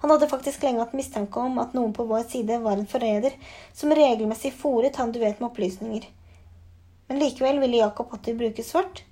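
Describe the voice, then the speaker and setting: A woman reading an audiobook, voicing a stern older female professor who speaks quietly and darkly. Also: on the high side, natural voice.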